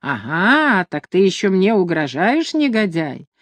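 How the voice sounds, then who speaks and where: A woman reading an audiobook, voicing a pompous, hot-tempered young nobleman with shrill, indignant outbursts. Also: big pitch swings, unhurried, no room sound. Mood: angry.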